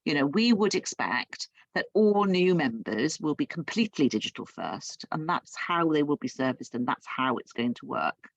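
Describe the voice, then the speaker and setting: A woman's voice: low-pitched, very animated, normal speed, creaky, few pauses, no echo, dull audio. A woman guest speaker from the United Kingdom answering webinar questions thoughtfully, with many restarts and fillers.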